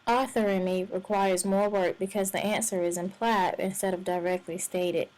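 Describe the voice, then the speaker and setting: A woman teacher narrates a reading lesson, explaining each step clearly and at a measured pace. Her voice sits at a medium pitch. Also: fairly even intonation, darkish tone, rough recording. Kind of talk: instructional narration.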